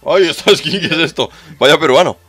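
A young man with a Spain Spanish accent, livestreaming a game in excitable, teasing casual chat. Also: fairly high pitch, a little fast, soft background music. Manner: excitable, laughs loudly, teasing. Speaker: streamer. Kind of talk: casual live gaming chat.

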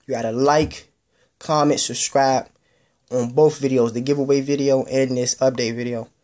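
A man's voice: medium pitch, fairly even intonation, normal speed, darkish tone. A young man hosting his own gaming channel, giving a rambling casual update in loose slangy speech that repeats itself. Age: young adult.

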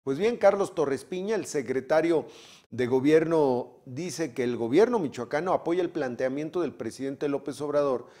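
A man's voice: a little high, lively intonation, moderate pace, dark tone. A man with a Mexican accent giving opinionated, sarcastic news commentary in a scornful tone.

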